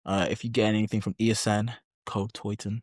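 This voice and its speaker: A man's voice: fairly low pitch, little pitch movement, fast, a little mellow, no echo, clean studio sound. A young adult man chatting as a podcast guest, enthusiastic and emphatic, with frequent restarts. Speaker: podcast guest, pro bodybuilder. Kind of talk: casual podcast chat.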